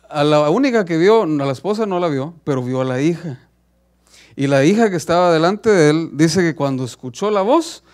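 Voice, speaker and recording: A man, a pastor, telling a story in a sermon, dramatic and swinging between loud and hushed. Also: on the high side.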